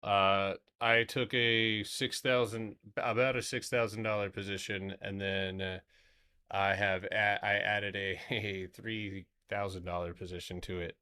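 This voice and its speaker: A man's voice: fairly low pitch, little pitch movement, measured pace, bright, forceful tone, clean tone. A man in his thirties hosting a trading live stream, talking loosely through charts, swearing now and then and answering his chat. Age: 30s.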